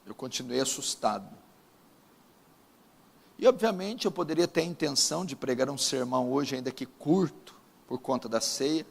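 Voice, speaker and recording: Brazilian male pastor, gravelly edge, solemn emphatic sermon delivery, long church reverb. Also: mid-range voice, expressive. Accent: Brazilian Portuguese. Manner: solemn, emphatic, with drawn-out pauses. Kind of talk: sermon with opening prayer. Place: church service.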